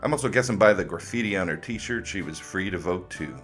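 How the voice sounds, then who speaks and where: Deep-voiced, sarcastic man with a bright edge. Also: lively intonation, a little fast, soft background music. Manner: sarcastic, mocking. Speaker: host of a commentary video. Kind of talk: comic reaction commentary.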